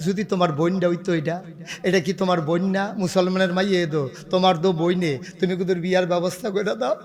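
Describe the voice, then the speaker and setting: A middle-aged man with a Bangladeshi regional Bengali accent, preaching a waz sermon as a pir with impassioned delivery that swells to loud cries. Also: sits high, fairly even intonation, a little fast.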